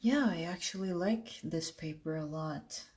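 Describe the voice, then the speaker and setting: A woman in her thirties, an artist on a live stream, chatting casually and muttering softly to herself between chuckles as she paints. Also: lowish voice, unhurried.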